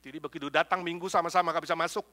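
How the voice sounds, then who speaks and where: A male pastor from Indonesia preaching a sermon, telling stories with acted-out voices and loud exclamations, then praying. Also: on the high side, rapid-fire. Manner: animated storytelling, acting out voices, bursts of loud exclamations. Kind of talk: sermon with prayer. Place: church sanctuary.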